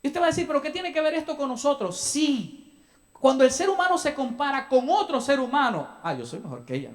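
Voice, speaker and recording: A man's voice: very high voice, sing-song, fairly quick. A young man from El Salvador preaching a sermon as a pastor in a church, talking to the congregation with questions and acted-out asides. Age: young adult. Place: church sanctuary.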